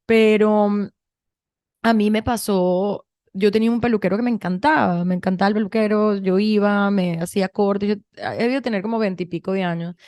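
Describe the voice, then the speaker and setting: A woman in her thirties from Venezuela with a Venezuelan Spanish accent, co-hosting a podcast and telling stories in a chatty, animated way with many restarts. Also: mid-range voice, fairly quick, clear, resonant tone, no room sound. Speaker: podcast co-host. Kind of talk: casual conversation.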